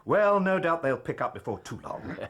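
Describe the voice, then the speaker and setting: An actor playing a smug, brisk police inspector in a detective radio play, with a cocky, condescending manner. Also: male voice, fairly high pitch, very animated, fairly bright tone. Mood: smug, dismissive. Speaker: actor in an audio drama.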